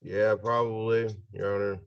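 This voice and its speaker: A man speaking as a defendant in a courtroom, giving terse, deferential formal answers in a flat manner. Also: fairly low pitch, normal speed, vocal fry, clear, resonant tone. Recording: dull lo-fi courtroom audio.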